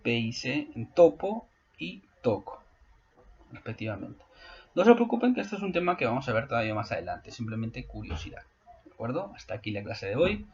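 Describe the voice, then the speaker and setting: A male school teacher explaining a grammar lesson to his class, often pausing to check that students follow. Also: mid-range voice, lo-fi sound. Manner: explanatory, frequent checking questions. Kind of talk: online class lecture.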